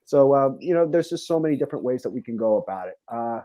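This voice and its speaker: A man speaking at middle pitch, rambling through a casual podcast interview as a guest from a fight promotion. His talk runs on, packed with fillers and restarts. The sound is dry and close. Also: expressive, fast talker, dark tone, dry recording. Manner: talkative, rambling with many fillers.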